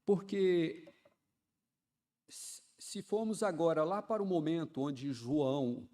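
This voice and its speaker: A man, preaching a sermon in a chatty style that swells into loud, fervent emphasis. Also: fairly high pitch, slow. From Ceará, Brazil. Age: 50s. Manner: conversational preaching, often adds "né", builds to loud fervent emphasis.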